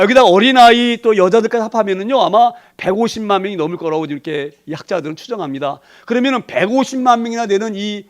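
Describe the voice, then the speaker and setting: A male pastor preaching a sermon in a colloquial way, firing rhetorical questions at the congregation and swinging between emphatic bursts and quiet asides. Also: sits high.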